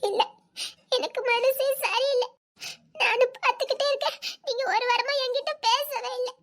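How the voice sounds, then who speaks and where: A woman's voice: very high-pitched, fairly even intonation, moderate pace, fairly bright tone. A woman with a Tirunelveli Tamil accent playing a heartbroken young woman who pleads tearfully, with nervous laughs. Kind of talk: romantic short-drama acting.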